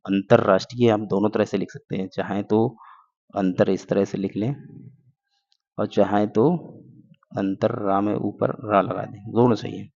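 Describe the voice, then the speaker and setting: A man's voice: on the low side, flat delivery, normal speed, creaky, long pauses, a little mellow. A man teaching an exam-prep grammar lesson, explaining step by step and answering his own questions. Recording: dull lo-fi recording.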